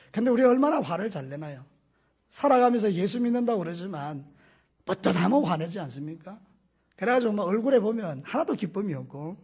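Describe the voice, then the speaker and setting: Husky high-voiced male pastor preaching. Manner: animated preaching, questions to the congregation; folksy storytelling with humor. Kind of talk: sermon.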